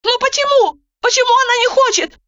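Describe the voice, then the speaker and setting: Lady putting on a bossy worked-up woman doctor, high bright voice yelling orders, muffled audio. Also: animated, moderate pace, no room sound, heavily acted. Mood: alarmed. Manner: shouting orders, emphatic.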